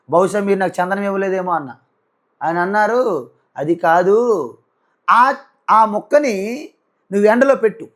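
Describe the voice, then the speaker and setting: High-voiced swami giving a discourse. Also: male voice. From South India. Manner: storytelling with homely examples and rhetorical questions; slow drawn-out chanting of verses. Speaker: swami teaching Vedanta. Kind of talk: spiritual discourse with chanted Sanskrit verses.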